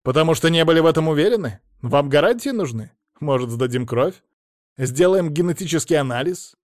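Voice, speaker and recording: A man's voice: fairly high pitch, lively intonation, fairly quick, dry recording, studio quality, voice pushed up, lightly acted. A male reader voicing a brash, cocky young man who talks back defiantly. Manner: defiant, mocking, insistent.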